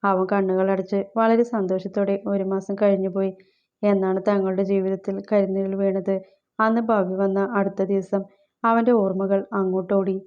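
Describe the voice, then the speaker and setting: A woman reading a scripted story aloud as narrator, in a steady, unhurried manner. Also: medium pitch, lo-fi sound.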